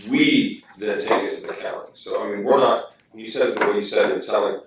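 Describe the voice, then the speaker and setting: A man's voice: lowish voice, steady tone, a little fast. A man at a library board meeting, speaking earnestly and at length. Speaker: board member at a public meeting. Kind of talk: meeting discussion. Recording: echoey room, mic far off, faint noise.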